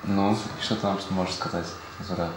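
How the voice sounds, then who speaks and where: Back at a school as a former student, a fairly low-voiced man born in Portugal has an unscripted, easygoing chat with a class of children at a moderate pace. He patiently explains things and keeps quizzing them in return, in a classroom full of echo and background noise.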